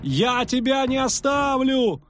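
A man's voice: extremely high pitch, sing-song, takes it slowly, a little hiss or hum, voice pushed up, heavily acted. Jaskier, a man shrieking as a frantic poet. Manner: frantic shouting. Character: panicky young male poet, shrill and excitable.

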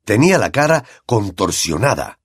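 A man reading a novel aloud with expressive storytelling. His voice is low-set and lively with a slightly husky grain, recorded close and dry. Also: normal speed, no room sound. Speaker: audiobook narrator. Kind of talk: scripted narration.

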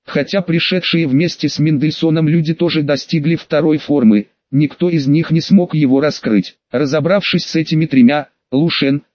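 A man's voice: a little high, dry recording, dull audio. Male audiobook narrator, dry sound. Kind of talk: scripted narration.

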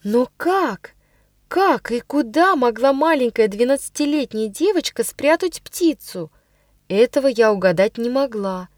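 Woman reading a storybook out loud, kinda high voice, dramatic, dry close sound. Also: expressive, measured pace, no room sound. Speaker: audiobook reader. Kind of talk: expressive storybook narration.

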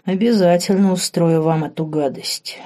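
A woman's voice: on the low side, normal speed, warm tone, natural voice. Woman reading a curt sardonic grand master. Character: cold powerful grand master, man in his thirties.

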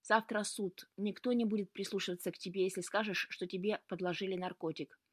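A woman reading the lines of a calm, wise woman healer in a story, who gives advice in an instructive, steady way. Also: medium pitch, fairly quick, dry recording, clean studio sound, natural voice. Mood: calm, advising.

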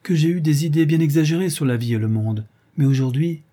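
A man's voice: mid-range voice, moderate pace, dark tone, husky, close to an everyday voice. A man reading an audiobook, voicing a proud, anxious young noblewoman in a hesitant, raised voice. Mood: coy.

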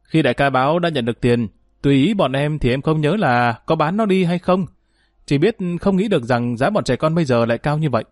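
A man's voice: on the high side, lively intonation, brisk, dry recording, studio quality, natural voice. Man voicing servile gang henchman. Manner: servile reporting. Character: deferential male henchman.

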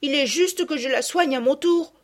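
A woman voicing an eager, affectionate little girl in a storybook reading, calling out high and loud. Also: normal speed, natural voice. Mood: tearful.

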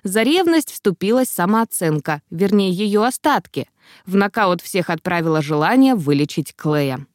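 Woman audiobook narrator, first person, wry and expressive; dry read. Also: lowish voice, normal speed, dry recording.

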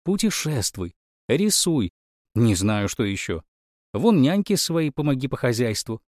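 A man voicing a calm, clever boy who reasons politely with a wry edge. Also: mid-range voice, measured pace, no room sound, studio quality. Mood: reasoning. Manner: polite, reasoning, mildly ironic.

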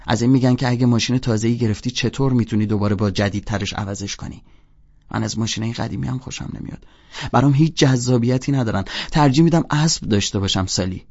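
Man doing a worked-up teen boy going off, husky, lo-fi sound. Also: medium pitch, darkish tone, close to an everyday voice. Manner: heated, rising into rants. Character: restless teenage boy, bitter and agitated.

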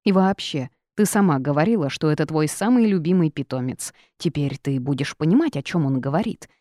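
A woman reading an audiobook and voicing an excitable male phoenix, a magical pet bird, with a gushing, exclamatory manner. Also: low voice, fairly quick, no room sound, clean studio sound. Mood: sulky.

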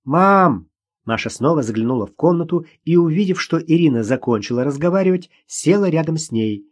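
A man reading a novel aloud as audiobook narrator, in an even, measured storytelling manner. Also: on the high side. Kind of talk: scripted narration.

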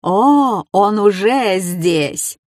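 Woman doing a squeaky, mocking young man. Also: expressive, slow, a little mellow, no echo, studio quality. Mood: gloating. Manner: squeaky mimicking taunts.

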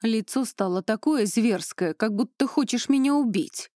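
A woman reading an audiobook, voicing a timid young man who speaks quietly and nervously. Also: fairly high pitch, normal speed, dry recording, clean studio sound, natural voice. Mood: uneasy. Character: timid young male friend.

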